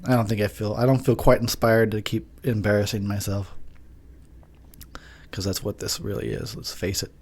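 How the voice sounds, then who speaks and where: A man's voice: fairly low pitch, moderate pace, a little mellow, breathy edge. A drunk man hosting a podcast, rambling through profane movie commentary into a pop-filtered mic and laughing at his own jokes.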